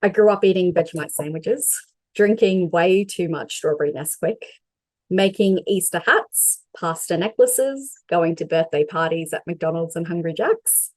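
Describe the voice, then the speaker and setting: A young woman from Sri Lanka, advocating for mental health, steadily reads a prepared presentation while dialed in over video. Her low voice is expressive and moderately paced; the audio is poor, with no room sound.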